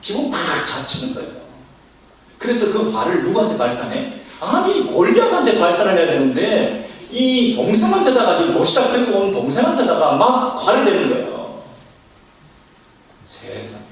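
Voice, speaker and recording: A male pastor giving a sermon, telling the story in a lively way and asking the congregation rhetorical questions. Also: high-pitched, moderate pace. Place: church sanctuary. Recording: very echoey church from a distance, faint hiss.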